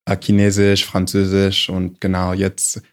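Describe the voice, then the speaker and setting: A man's voice: low voice, monotone, measured pace, clear, resonant tone. A young American man from Michigan speaking German as a second language over a video call. He hesitates, uses lots of fillers and corrects himself mid-word. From USA, Michigan. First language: English. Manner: hesitant non-native German with many fillers and self-corrections. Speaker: podcast guest. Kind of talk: casual interview chat.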